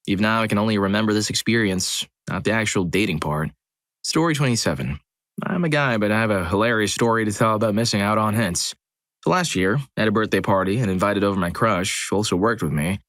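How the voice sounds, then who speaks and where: A man's voice: fairly low pitch, fairly bright tone, no room sound. A man reading first-person stories as a scripted narration, telling them expressively and acting out reactions.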